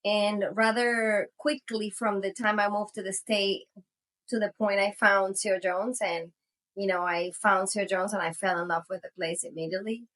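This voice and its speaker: Appearing as a guest, this tequila brand co-founder, a Venezuelan-born woman in her forties whose first language is Spanish, chats about her life in a loose, meandering way. Her talk is packed with "you know" and frequent light laughter. She has a medium-pitched, fairly bright voice, a steady tone, and a moderate pace.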